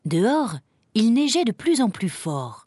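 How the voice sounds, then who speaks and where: A woman narrating a children's Christmas story aloud in an expressive, lively storybook reading. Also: a little high, a little slow, faint music behind. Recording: dry close recording.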